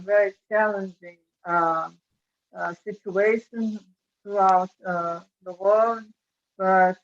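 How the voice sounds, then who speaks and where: A woman's voice: medium pitch, fairly bright tone, lo-fi sound. A woman speaking as a guest on a video call, hesitant, with many filler sounds. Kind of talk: informal video-call conversation.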